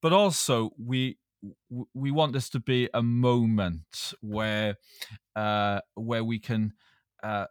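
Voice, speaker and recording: A man with a Welsh accent hosting a casual podcast chat in a hesitant, halting way. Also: medium pitch, fairly even intonation, clean tone, no room sound, clean studio sound. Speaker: podcast host.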